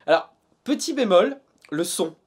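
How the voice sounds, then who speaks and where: A man's voice: high voice, very animated, measured pace. A man reviewing TV series in a casual video, joking and sarcastic at times, then settling into an earnest critique.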